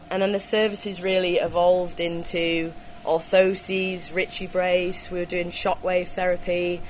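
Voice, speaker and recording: A woman giving conversational answers as an interview guest, speaking outdoors on a ski slope. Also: lowish voice. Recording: noisy outdoor recording with ambient sound.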